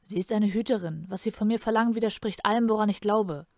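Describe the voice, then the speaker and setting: Woman voicing a young male warrior, desperate, pleading, loud cries, dry audiobook sound. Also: mid-range voice, quick pace, no echo, close to an everyday voice. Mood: earnest. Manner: urgent, pleading, cries out in anguish.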